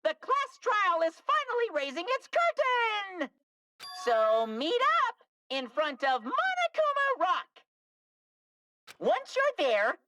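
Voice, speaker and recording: A very high, piercing mascot villain from an anime game makes gloating announcements. The delivery is cartoonish and theatrical, slow and wildly swooping, with sinister glee. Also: female voice, a bit bright, dry recording, clean studio sound, heavily acted.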